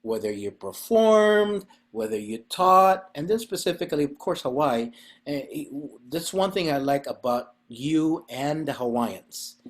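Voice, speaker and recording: A Filipino man who hosts a podcast and organizes festivals speaks in a slightly high, expressive voice at a measured pace. His casual chat rambles along, and he laughs often.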